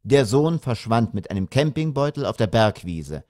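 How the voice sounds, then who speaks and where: A man narrating a humorous audiobook in a wry, lively storytelling manner. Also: mid-range voice, moderate pace, no room sound, studio quality.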